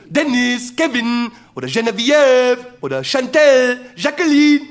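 Frantic high-voiced male comedian. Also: very animated, a little slow. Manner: frantic, shouting, acts out other voices. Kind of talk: stand-up storytelling.

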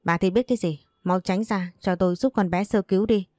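A woman narrator putting on a domineering older man, brisk and curt, his orders coming fast. The voice stays mellow and low in tone, close and dry. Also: steady tone, no echo, natural voice. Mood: commanding. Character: stern older man, domineering father figure.

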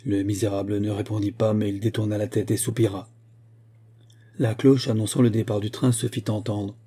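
A man narrating a classic novel as an audiobook reader, in a measured, even storytelling manner. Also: lowish voice, slightly rough.

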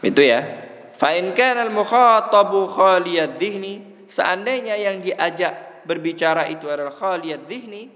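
A man lectures students on Arabic rhetoric, switching between plain explanation and Arabic terms while he keeps checking that they understand. His voice sits a little high and jumps up when he stresses a point. The sound rings with the long reverb of a large hall. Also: unhurried. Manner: asks students "paham?" and "fahim tum?" often, mixing Arabic terms into his explanations; lively, wide pitch swings between emphatic high lines and low asides. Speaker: religious teacher.

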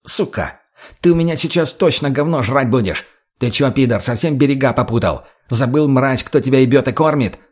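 A man's voice: medium pitch, expressive, normal speed, slightly rough. A man voicing a crude, short-tempered drug addict thug who barks profanity bluntly. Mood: aggressive.

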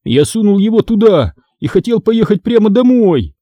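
A man's voice: sits high, big pitch swings, normal speed, no echo, dull audio, pitched above the performer's own voice. A man voicing a boastful, clumsy young boy who whines and protests, reading from a storybook. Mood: whiny. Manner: whining and protesting.

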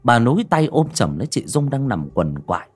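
A man's voice: medium pitch, big pitch swings, fairly quick, breathy edge. A man narrating a horror audiobook in a dramatic storytelling manner. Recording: narration over faint music.

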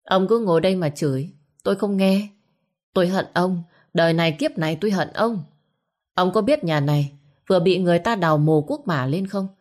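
A woman's voice: on the low side, animated, close to an everyday voice. A woman voicing a cold, resentful middle-aged son who scolds his sick father sharply. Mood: furious. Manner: sharp, scolding, quick retorts.

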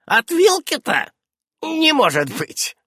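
A man voicing a fussy, brisk old female witch who keeps darting from question to question in an audiobook. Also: huge pitch swings, bright, forceful tone, dry recording, studio quality, heavily acted. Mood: brisk, prying. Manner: shrill, darting, interrupting. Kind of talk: audiobook character voice.

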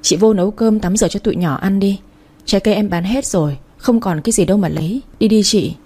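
A woman's voice: medium pitch, fast, warm tone, husky, natural voice. A woman voicing a fierce, outspoken young woman who scolds and protects her family, speaking sharply. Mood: scolding.

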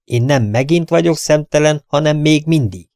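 A man's voice: a little high, darkish tone, no echo, studio quality, voice pushed up, lightly acted. A man voicing an impudent, mocking little red-haired male valet in an audiobook. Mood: cheeky.

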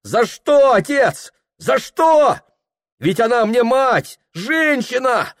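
A man voicing a desperate, furious young son whose shouts break like a boy's. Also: high voice, big pitch swings, takes it slowly, pitched above the performer's own voice, heavily acted. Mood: anguished.

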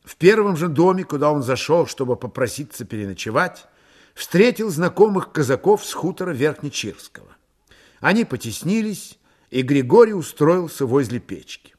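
A man narrating a literary audiobook in a calm, measured, unhurried way. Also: on the high side.

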